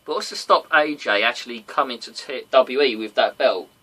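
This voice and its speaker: With a medium-pitched, bright, forceful tone, a man hosts a casual wrestling review podcast at a moderate pace. He rambles and chats, now and then bursting into silly sung impressions, on a noisy home recording.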